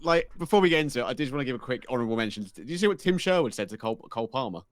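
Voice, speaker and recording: A man's voice: medium pitch, animated, rapid-fire, dry recording. A young man co-hosting a football podcast, bantering, swearing and laughing at his own jokes. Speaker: podcast co-host. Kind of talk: casual football chat.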